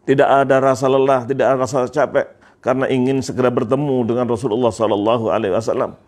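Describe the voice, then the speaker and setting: A preacher from Indonesia telling a moving story in an emotional sermon, repeating phrases with feeling. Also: male voice, mid-range voice, little pitch movement, fast talker, darkish tone. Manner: repetitive, emotive narration with religious phrases.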